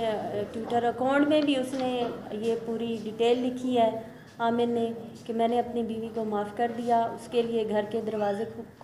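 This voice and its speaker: Middle-aged woman, high-pitched, pressing accusations hard, roomy recording. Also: darkish tone, slight background noise. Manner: insistent, accusatory, hesitant fillers. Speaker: mother making public accusations. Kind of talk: emotional video statement.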